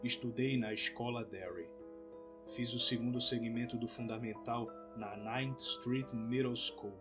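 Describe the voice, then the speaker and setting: A man narrating an audiobook in a measured, somber reading. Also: mid-range voice, steady tone, music in the background. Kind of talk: scripted narration.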